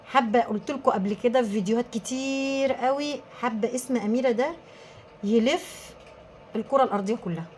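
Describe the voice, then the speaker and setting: An Egyptian woman who runs a small business, giving emphatic, animated advice straight to her viewers. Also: fairly high pitch, quick pace, slight background noise.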